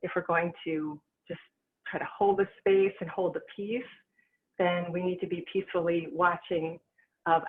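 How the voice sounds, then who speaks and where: Woman teaching on a tinny line. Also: lowish voice. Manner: calm, chatty, laughs while telling stories. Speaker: spiritual teacher. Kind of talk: spiritual teaching livestream. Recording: tinny phone-like line with faint noise.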